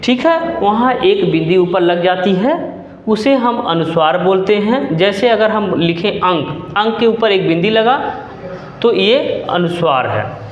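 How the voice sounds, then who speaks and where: A male teacher giving a grammar lesson, repeating key terms slowly and asking the class questions. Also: high-pitched, expressive. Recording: dull echoey room, lo-fi.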